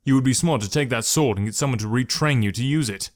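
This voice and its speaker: A man's voice: mid-range voice, animated, fast, no echo, voice pushed up, natural voice. Guy doing a cool clipped archer, dry and blunt, audiobook voice. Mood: curt. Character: calm, curt young male archer. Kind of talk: audiobook character voice.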